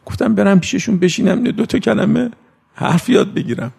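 A man delivers a sermon with a strongly gravelly, rough-edged voice that sits somewhat high. He talks to his listeners in a loose, conversational way and tells stories. He slows right down to recite Arabic sayings before explaining them plainly. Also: darkish tone. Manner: recites Arabic sayings slowly, then explains in colloquial speech. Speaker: cleric giving a religious talk.

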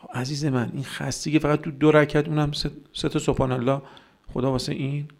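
Guy preaching a sermon, gravelly voice, keeps firing rhetorical questions. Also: on the high side, flat delivery. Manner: argumentative, rhetorical questions, mocking quoted voices. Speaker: cleric. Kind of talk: religious sermon.

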